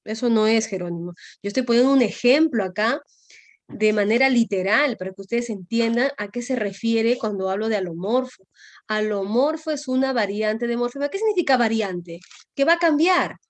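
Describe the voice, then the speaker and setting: A woman's voice: fairly high pitch, animated, normal speed. A woman teaching a grammar class, explaining patiently and checking often with her students. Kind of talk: online class lecture.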